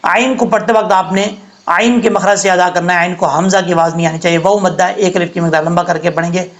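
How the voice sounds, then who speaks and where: A man with a high voice teaches recitation, patiently walking through each letter and its sound. His explanations are careful and methodical, like a teacher in a slow lesson. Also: fairly even intonation. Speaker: Quran tajweed teacher.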